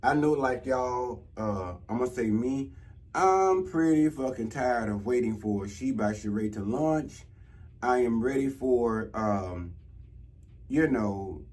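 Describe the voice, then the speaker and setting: A man's voice: medium pitch, a little mellow. A man hosting a casual review show, talking in a blunt, exasperated, rambling way and swearing freely. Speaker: host of a reality TV review show. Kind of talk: casual profane recap and commentary.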